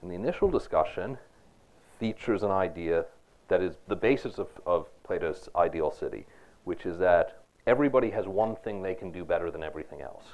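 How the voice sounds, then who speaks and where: A man's voice: low-pitched, lively intonation, fairly quick, a little mellow. A man lecturing on philosophy to students in a conversational way, often checking in with "right?" and asking them questions. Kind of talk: university lecture. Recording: dull lo-fi lecture recording.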